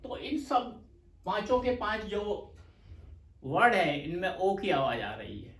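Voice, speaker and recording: Male shorthand tutor, patient and slow, in an echoey room. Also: sits high, animated, fairly bright tone. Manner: patient, repeats words slowly for dictation. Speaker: shorthand teacher. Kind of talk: slow explanatory lecture. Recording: echoey room, mic far off.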